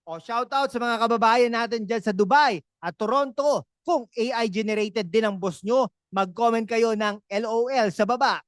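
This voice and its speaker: A woman delivers animated political commentary in a fairly high voice. She tags her lines with quick "ha" and "no" asides and slides English phrases into her talk. The sound is close and dry. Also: no echo. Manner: mixes Tagalog and English phrases. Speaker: host of a political commentary channel.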